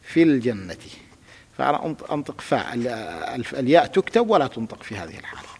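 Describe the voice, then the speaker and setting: A man's voice: mid-range voice, big pitch swings, racing, vocal fry, a little hiss or hum. A man teaching a classical grammar lesson, patiently explaining step by step and having his student repeat words. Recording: reverberant room with long echo.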